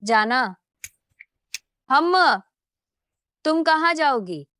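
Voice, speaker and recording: Brief: woman doing a cruel, scornful mother for a drama dub, high voice, dry sound. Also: expressive, drawn-out words, pushed and bright, dry recording, exaggerated voice. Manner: mocking and scornful. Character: scheming middle-aged mother, cold and cruel. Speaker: dubbing actor. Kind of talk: Hindi dub of a short drama.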